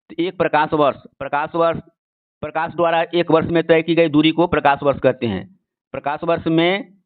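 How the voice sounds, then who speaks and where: A man teaching a science quiz, methodically reading out multiple-choice questions and explaining the answers, repeating key phrases. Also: fairly high pitch. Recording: narrow-band, phone-like sound.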